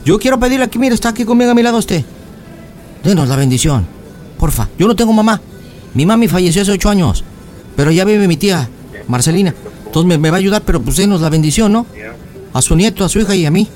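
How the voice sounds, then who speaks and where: A man's voice: sits high, expressive, fast, long pauses, a little mellow, soft background music. A man voicing a pleading young boyfriend in a radio prank call. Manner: pleading, swears oaths, wheedling.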